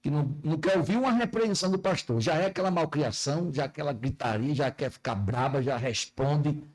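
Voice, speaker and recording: A pastor preaching a folksy sermon in church, often asking the congregation questions. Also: male voice, on the high side, lively intonation, a little fast, a little mellow, poor audio.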